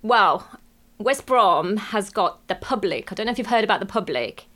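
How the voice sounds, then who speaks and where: A woman's voice: mid-range voice, expressive, normal speed, bright, forceful tone. A young woman from Bromwich, chatting in an interview and peppering her answers with "like". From West Bromwich, England. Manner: chatty, frequent "like" fillers.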